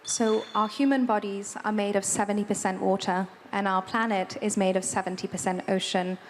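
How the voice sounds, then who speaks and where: A woman interpreting on a panel, relaying each passage in steady, even phrases. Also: medium pitch, a little fast, slight background noise. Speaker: moderator and interpreter. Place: large hall at an event.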